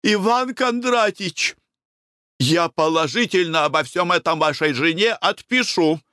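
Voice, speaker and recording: A man voicing an irritable, sharp-tongued middle-aged wife in a storybook reading. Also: animated, measured pace, dry recording, clean studio sound. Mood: scolding. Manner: scolding, shrill.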